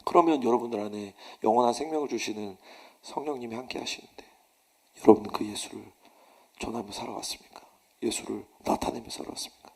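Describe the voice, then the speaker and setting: A middle-aged male pastor giving a sermon, telling stories with animated delivery and acting out shouted quotes. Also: fairly low pitch, fast, creaky, slightly rough.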